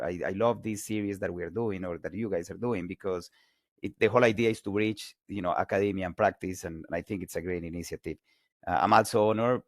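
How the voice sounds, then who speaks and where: Low gravelly-voiced man from Colombia. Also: dry recording, studio quality. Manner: energetic, self-correcting repeats. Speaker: guest lecturer. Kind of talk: online lecture.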